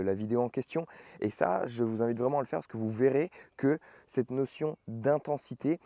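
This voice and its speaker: A man's voice: mid-range voice, warm tone, no room sound. A young man chatting casually to camera as a fitness vlogger, explaining with fillers and self-corrections. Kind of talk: casual vlog talk to camera.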